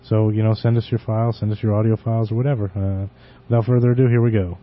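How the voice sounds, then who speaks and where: Male podcast host, slightly low pitch, halting casual rambling, muffled lo-fi audio. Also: level tone. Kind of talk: unscripted casual show talk. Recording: dull lo-fi internet radio audio.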